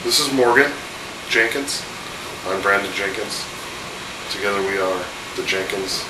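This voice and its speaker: He rambles through a casual home video chat with fillers, his cold making his voice sound a bit off. The man is in his thirties, talking a little slowly in a lowish voice. The mic sits far back in an echoey room where an AC hums.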